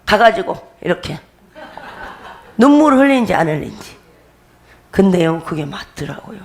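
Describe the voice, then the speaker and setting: A woman's voice: mid-range voice, sing-song, moderate pace. A woman pastor giving a testimony sermon, emphatic and repetitive, often breaking into laughter as she urges her listeners.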